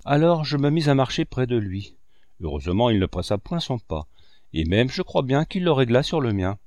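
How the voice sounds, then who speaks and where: A man reading a classic novel aloud as an audiobook narrator, measured and expressive. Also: mid-range voice, no echo, studio quality.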